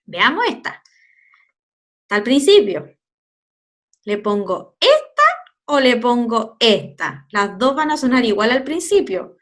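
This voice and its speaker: A woman teacher with a Chilean Spanish accent, giving a children's phonics lesson with slow, drawn-out word demonstrations and playful asides. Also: a little high, sing-song. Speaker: primary school teacher.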